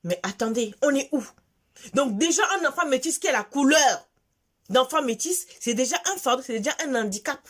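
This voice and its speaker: A woman's voice: high voice, animated, fairly quick. A woman from Gabon with a Gabonese French accent, delivering an emphatic, scolding monologue to her viewers and repeating phrases for force. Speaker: vlogger. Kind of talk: impassioned monologue addressed to viewers.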